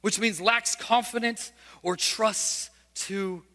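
Male pastor with a very high, bright voice, preaching in a storytelling way. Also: fairly even intonation, slow pace, long reverb tail. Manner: storytelling, asks the listeners questions. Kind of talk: sermon.

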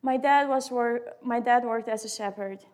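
Young woman w albanian accent, kinda high voice, reading out her testimony. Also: moderate pace, darkish tone. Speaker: student sharing testimony. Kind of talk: read-aloud personal testimony.

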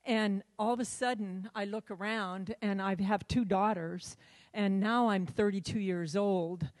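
A woman in her seventies giving an earnest church testimony, halting and often repeating her words. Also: mid-range voice, fairly even intonation, a little mellow. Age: 70s.

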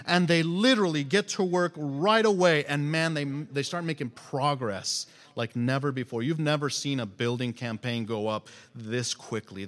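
A man preaching a sermon as a pastor, animated, acting out scripture quotes and asking the congregation questions. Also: mid-range voice, long reverb tail.

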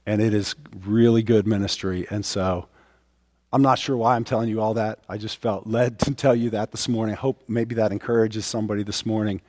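A middle-aged man, a pastor, gives an earnest personal testimony in a sermon, his voice hoarse and strained from a cold. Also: fairly low pitch, flat delivery, brisk, a little mellow. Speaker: pastor and jail chaplain preaching. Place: church, speaking to congregation. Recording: reverberant hall sound.

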